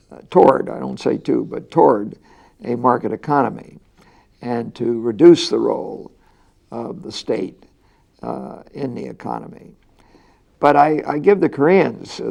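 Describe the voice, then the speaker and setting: Older male interviewee, deliberate and pausing for words, mellow, heavy vocal fry. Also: mid-range voice. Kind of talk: measured interview answers.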